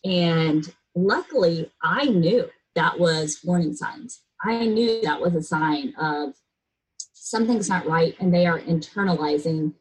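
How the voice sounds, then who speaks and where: A middle-aged American woman with a lowish, breathy, expressive voice speaks at a measured pace, earnest and blunt, in a serious conversational interview. Her delivery is emphatic, and the audio quality is poor. She grew up in a military family abroad and in Florida.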